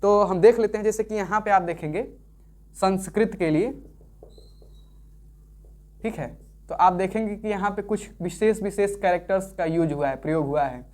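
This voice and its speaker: A man's voice: high-pitched, normal speed, long pauses, darkish tone. A male teacher gives a careful, step-by-step online lesson. He goes back over each point several times and keeps asking whether the listener follows before he moves on. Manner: repetitive, keeps checking understanding with tag questions. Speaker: Sanskrit teacher.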